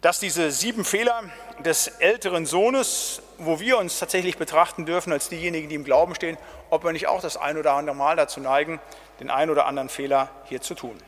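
Middle-aged male pastor, chatty Bible teacher, light-pitched voice, long echo of a church hall. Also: fairly even intonation, a little fast, a bit bright. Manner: casual, with tag questions "ne?" and "halt". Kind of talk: spoken Bible study talk.

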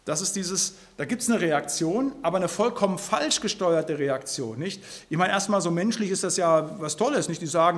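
High-voiced man teaching the Bible. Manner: speaks in a loose spoken style, tags sentences with "halt, nicht?"; earnest, emphatic. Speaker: preacher.

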